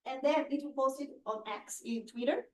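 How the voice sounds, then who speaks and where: A real estate marketing trainer with a Brazilian accent leads a live training presentation in a high, light voice. Her delivery is halting: she stops often, fills the gaps with small hesitations and many fillers, and searches for the right English word.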